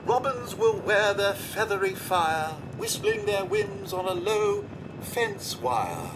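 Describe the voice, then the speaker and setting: An actor playing a prim, too-smooth male android butler in a game, speaking in servile phrases with a sardonic aside. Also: high voice, huge pitch swings, slow pace, background noise, exaggerated voice. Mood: reciting. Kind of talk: recited poetry in a game.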